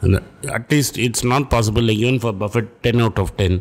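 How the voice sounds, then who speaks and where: A man's voice: medium pitch, fast. A man with a South Indian accent and Tamil as first language, chatting casually and with strong opinions, mixing English and Tamil. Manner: switches between English and Tamil. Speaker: podcast host. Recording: background noise.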